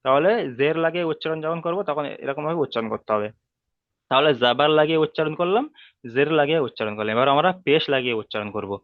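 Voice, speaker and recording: A man who teaches Arabic reading in an online class. He talks patiently and repeats each sound slowly so students can drill it. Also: a little high, no echo. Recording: dry, tinny phone-like call audio.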